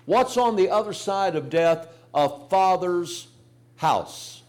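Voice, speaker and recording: A man's voice: high voice, lively intonation, slow, a little mellow. An older man preaching a sermon, telling folksy personal stories and rising to emphatic points. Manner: folksy storytelling with emphatic rises. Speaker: pastor.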